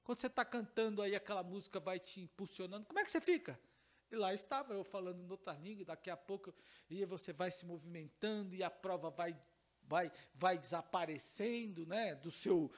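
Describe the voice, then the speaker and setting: A Brazilian pastor with an unusually high voice for a man preaches at a church teaching service. He tells a personal story, repeats phrases for emphasis and moves between hushed and loud, emphatic passages. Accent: Brazilian Portuguese.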